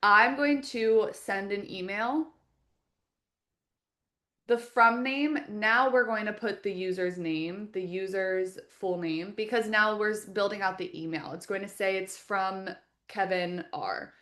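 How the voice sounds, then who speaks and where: A woman presents a live software training session, clicking through each screen as she explains it. Her delivery is friendly, practical and instructional, and her voice sits at an everyday middle pitch. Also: a little slow. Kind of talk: live webinar screen-share tutorial.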